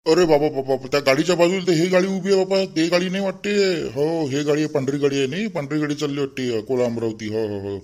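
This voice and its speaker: Voicing a cartoon character, a man plays a fussy, chatty village man with a Vidarbha Marathi accent who mutters and rambles half to himself at a brisk clip. The voice is a little high with a darkish tone, close to how he'd normally talk.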